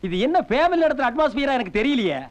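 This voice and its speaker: An actor playing a sarcastic middle-aged village man who fires off quick mocking retorts in a film comedy scene. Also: extremely high pitch, very animated. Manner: rapid scolding wisecracks. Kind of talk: 1990s film comedy dialogue.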